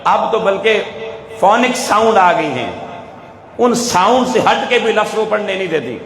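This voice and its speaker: A man's voice: sits high, animated, crowd noise. Pakistani man preaching in an echoey hall. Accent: Pakistani Urdu. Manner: rhetorical questions, urging the audience directly. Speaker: religious speaker. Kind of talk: sermon to a live audience. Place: event hall with an audience. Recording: echoey hall, faint ambience.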